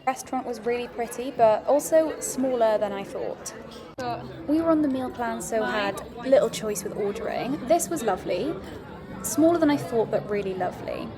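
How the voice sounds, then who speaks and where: A woman's voice: fairly high pitch, expressive, moderate pace, crowd noise. A woman giving a casual, chatty, understated voice-over review as a food and travel vlogger.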